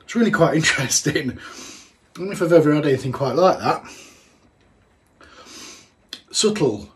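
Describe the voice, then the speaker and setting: A man's voice: on the high side, lively intonation, moderate pace. A man, chatting casually as he tastes a homebrewed beer in a small home brewing room, thinking aloud with plenty of fillers. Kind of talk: casual tasting vlog.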